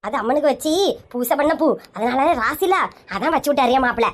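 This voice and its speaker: A woman's voice: high-pitched, brisk. A woman with a Kanyakumari Tamil accent, acting a bossy, scolding elder sister in a comedy sketch. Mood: chatty.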